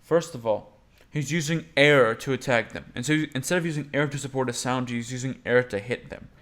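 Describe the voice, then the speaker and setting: A man talks casually about singing technique as a voice coach. His pitch sits mid-range, and he rambles along with frequent "uh" and "like". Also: brisk, a bit bright. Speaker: voice teacher reacting to a video. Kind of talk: casual commentary.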